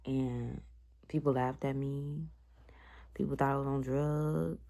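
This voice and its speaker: A woman's voice: very deep voice, steady tone, slow pace, vocal fry, dark tone. A young woman telling a story to her viewers in a blunt, slangy, profane rant. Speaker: vlogger. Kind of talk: casual storytime vlog.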